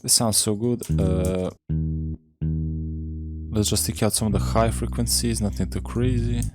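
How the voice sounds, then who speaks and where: A man's voice: lowish voice, fairly even intonation, a little slow. A young man, a music producer, casually talking through a tutorial in laid-back slang with many "uh" fillers. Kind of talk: casual screen-recorded tutorial. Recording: faint music underneath. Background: music playing in the session.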